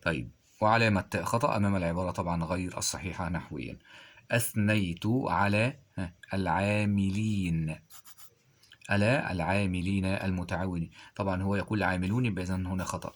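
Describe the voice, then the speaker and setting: A man teaching a grammar lesson. He reads example sentences slowly, then asks quiz questions and answers them himself. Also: deep voice.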